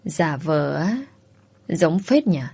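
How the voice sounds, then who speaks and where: A woman voicing an arrogant grown man who sneers and gives impatient commands, in a lowish voice. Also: lively intonation, slow, vocal fry, dark tone, slightly rough, heavily acted. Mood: mocking. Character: arrogant, mocking grown man, pushy and cold.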